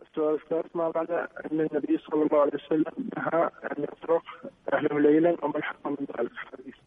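Guy calling in on a really bad phone line, garbled and tinny, flat halting delivery. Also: a little high, no echo. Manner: hesitant, halting, many fillers. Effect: poor, garbled phone line. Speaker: caller to a radio question show. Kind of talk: asking questions on air.

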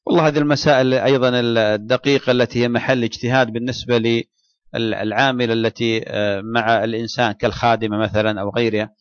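Fast-talking scholar man, dry sound. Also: mid-range voice, steady tone, clear, resonant tone, dry recording, lo-fi sound. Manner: measured, deliberate, with restarts. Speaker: Islamic scholar answering questions. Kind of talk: religious Q&A lecture.

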